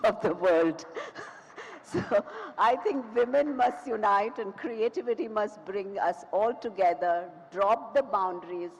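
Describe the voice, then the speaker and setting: Enthusiastic Indian woman moderating a panel. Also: medium pitch. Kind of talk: introducing speakers at a conference. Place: conference hall stage. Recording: long reverb of a large hall.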